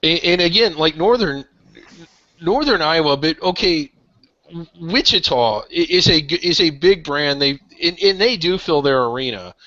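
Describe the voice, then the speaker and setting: Man, sports roundtable host, rambling, bright tone, dry lo-fi audio. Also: on the high side, expressive, moderate pace, no echo. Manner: rambling, thinking aloud with restarts.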